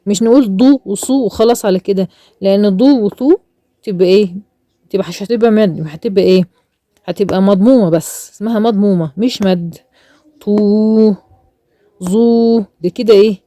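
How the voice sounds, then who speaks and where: Egyptian woman teacher, very dark mellow tone, dry close sound, quizzes and answers herself. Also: mid-range voice, no room sound. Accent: Egyptian Arabic. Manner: repeats questions and answers them herself, drawn-out sounds. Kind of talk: children's reading lesson.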